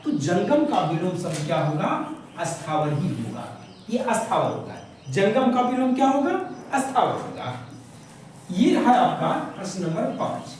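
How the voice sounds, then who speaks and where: A male teacher walking through an exam paper, asking his own questions and answering them, stretching key words slowly. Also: sits high, sing-song, darkish tone, a little hiss or hum. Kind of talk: exam paper walkthrough lesson. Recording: very echoey room from far off.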